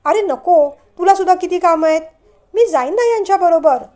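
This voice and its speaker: Brief: woman reading as a sweet, bashful bride-to-be, quick and high, storybook style. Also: expressive, a little mellow. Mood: flustered. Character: shy sweet young bride-to-be.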